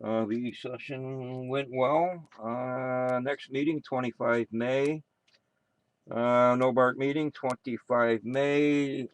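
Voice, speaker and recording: A man's voice: mid-range voice, fairly even intonation, takes it slowly, poor audio. A man with an American accent acting as amateur radio net controller, making casual announcements with rambling, muttered asides.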